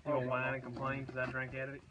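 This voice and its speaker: A man's voice: medium pitch, monotone, rapid-fire, lo-fi sound. A young man chatting casually on an outdoor porch, picked up by a camera a few feet away. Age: young adult. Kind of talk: casual chat. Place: outdoor house porch at night. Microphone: handheld camera a few feet away. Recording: very noisy handheld camera audio.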